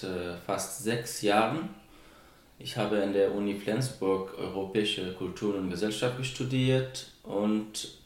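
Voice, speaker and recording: A man in his late twenties introducing himself, hesitating with fillers. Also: on the low side. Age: 20s. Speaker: interviewee. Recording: echoey room.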